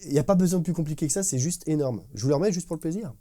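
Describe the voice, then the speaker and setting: A man gives a casual drum lesson in a studio, his voice a touch higher than most men's. He talks with slangy enthusiasm and sounds out drum fills with nonsense syllables. Clearly audible drum tracks play behind him. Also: racing. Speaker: drum teacher. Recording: drum music playing behind the voice.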